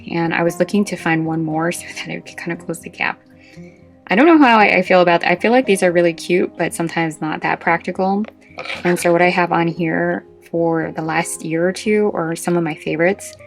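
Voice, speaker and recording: Casual vlog host, female, low register with vocal fry, short of breath, chatty and meandering, soft guitar underneath. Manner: chatty and informal, meandering with asides. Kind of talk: casual chat showing a craft collection.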